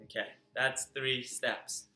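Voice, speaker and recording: A man's voice: mid-range voice, level tone, takes it slowly, bright, forceful tone, faint music behind. A young man teaching a movement class to camera, explaining carefully and without hurry, step by step. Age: young adult. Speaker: breakdancing instructor. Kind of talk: instructional demonstration to camera. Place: carpeted living room at home, indoors. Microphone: camera mic at a few metres' distance. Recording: echoey room, camera at a distance.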